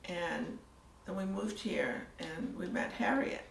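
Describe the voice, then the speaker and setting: An older woman telling her story in a casual interview, soft-spoken and trailing off into near-whispers. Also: fairly low pitch, slow, creaky, a little hiss or hum. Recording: echoey room, mic at a distance, faint ambience.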